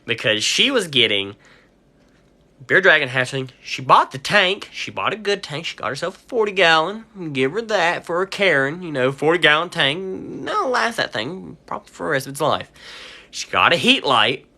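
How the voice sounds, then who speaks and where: Pet shop guy going off on a livestream, cussing a lot, voice bouncing all over, bright tone. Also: a little high, very animated, normal speed. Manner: profane, heated ranting. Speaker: pet store owner. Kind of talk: casual livestream rant.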